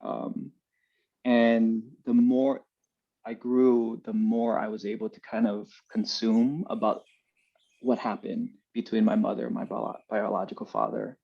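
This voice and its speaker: Young man, gravelly, earnest storyteller, lo-fi sound. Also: lowish voice, unhurried. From Hawaii. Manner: relaxed, earnest, heavy on fillers. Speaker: guest. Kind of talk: personal storytelling in an interview. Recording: dull lo-fi sound.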